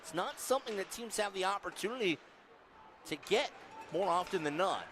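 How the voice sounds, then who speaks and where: Hockey color commentator, arena noise. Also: male voice, sits high, lively intonation, a bit bright. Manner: measured, explanatory analysis between plays.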